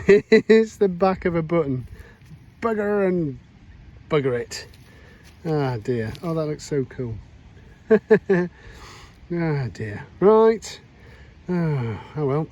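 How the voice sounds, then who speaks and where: A man chatting casually to camera as he metal detects in a pasture field, self-deprecating and quick to exclaim. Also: fairly high pitch, darkish tone, dull audio. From United Kingdom. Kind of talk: casual self-filmed commentary. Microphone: chest cam or handheld camera.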